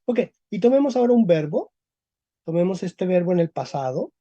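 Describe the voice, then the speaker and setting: A male teacher giving a lecture on the history of Spanish, explaining step by step and checking with quick tag questions. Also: high voice, big pitch swings, warm tone, no room sound. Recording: dull lo-fi recording.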